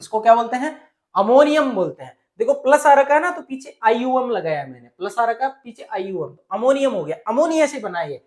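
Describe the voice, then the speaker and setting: A man's voice: very high-pitched, animated, brisk, a little mellow. A male teacher from Rajasthan explaining a chemistry lesson step by step, often asking a question and then answering it himself. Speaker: science teacher.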